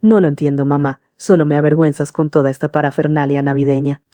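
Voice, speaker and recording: A scornful young woman with a cutting, contemptuous delivery, as a woman narrator puts her on. The voice sits low and dark. The sound is close and dry, with no room around it. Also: fairly even intonation, fast talker, dry recording, natural voice. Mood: cold, scornful. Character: cold scornful adult daughter, young woman.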